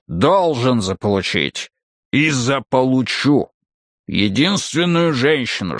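A menacing, brutish hulk of a man growls in a deep, guttural rumble, as an audiobook narrator puts him on. He takes his time, stretching each phrase slowly and scornfully. The recording is dry, with no room sound. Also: no room sound. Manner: slow, drawn-out delivery. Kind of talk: audiobook character voicing.

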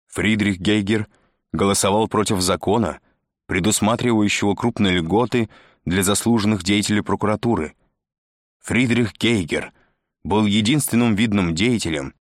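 A man's voice: fairly low pitch, dry recording, studio quality, close to an everyday voice. A man putting on a hissing, spluttering sardonic man. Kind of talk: audiobook character reading.

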